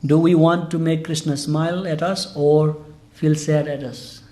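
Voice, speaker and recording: A man's voice: fairly high pitch, level tone, measured pace, a little mellow. A man from Nepal, giving an earnest, informal scripture class in a temple hall. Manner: earnest, informal, broken English grammar.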